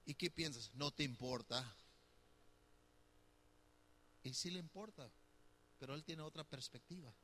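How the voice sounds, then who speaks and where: Middle-aged male pastor, high and very bright voice, chatty sermon that teases the congregation. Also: unhurried, pauses often, a little hiss or hum. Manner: conversational, teasing, asks the congregation questions. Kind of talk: sermon on marriage.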